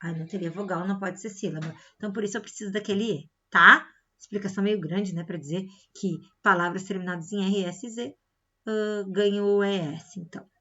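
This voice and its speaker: A woman with a Brazilian Portuguese accent, speaking at medium pitch in a pushed, bright voice and a little fast, teaches a recorded grammar lesson. She explains step by step, checking in often with "tá?" and "né?", and the recording sounds slightly dull and lo-fi.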